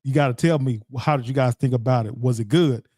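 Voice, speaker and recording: A radio host from the Dallas-Fort Worth area of Texas rambles casually on his own, speaking straight to listeners and repeating himself a lot. His mid-range voice is fast and mellow, captured in studio quality with no echo.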